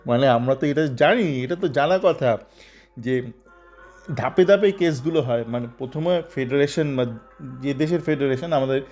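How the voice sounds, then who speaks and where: A man's voice: mid-range voice, moderate pace, a little mellow, soft background music. A man giving a casual, sarcastic commentary on football, rambling with many fillers and acting out quotes in agitated voices.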